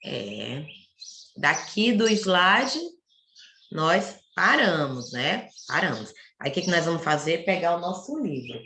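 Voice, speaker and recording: A woman's voice: on the low side, sing-song, takes it slowly, pushed and bright, roomy sound, a little hiss or hum. A woman teaching a primary school class online, explaining step by step and asking the children rhetorical questions.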